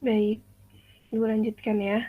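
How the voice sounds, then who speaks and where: A young woman with a high voice teaches a class over a video call, laying out each point step by step and putting questions to her students. Her voice comes through tinny and dry, like a phone line. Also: little pitch movement, a little slow, no echo. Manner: explains step by step, quizzes the class. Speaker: teacher in a practice lesson.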